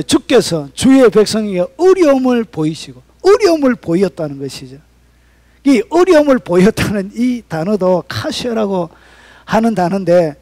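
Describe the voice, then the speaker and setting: Man preaching, high voice, very expressive, cries out then whispers. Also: dry recording. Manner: dramatic preaching, swinging between loud cries and hushed whispers. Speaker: pastor. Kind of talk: sermon.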